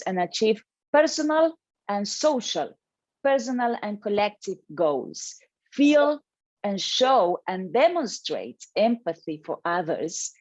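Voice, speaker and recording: A woman's voice: medium pitch, dry recording, lo-fi sound. A woman presenting an educational webinar to teachers over a video call, earnest and emphatic, reading participants' names from the chat.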